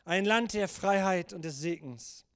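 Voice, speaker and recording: High-voiced man preaching a sermon. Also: measured pace. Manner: earnest, urging, drops low and soft for God's words. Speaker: pastor. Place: church service.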